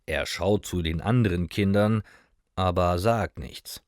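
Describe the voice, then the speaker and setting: A man with a low, unhurried, clean-toned voice narrates German learning stories, reading a simple script for beginner language learners. He speaks in short, careful sentences, and the studio sound is clean with no echo.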